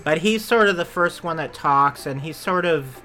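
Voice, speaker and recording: A man's voice: on the high side, moderate pace, bright, forceful tone. A man co-hosting a podcast, chatting casually and rambling, often correcting himself mid-sentence. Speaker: podcast co-host. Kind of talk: casual chat about theme park attractions.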